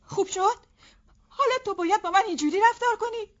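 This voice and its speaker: A high-voiced distraught wife. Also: female voice. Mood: pleading. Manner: pleading, emotional, given to outbursts. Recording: dull lo-fi TV drama sound.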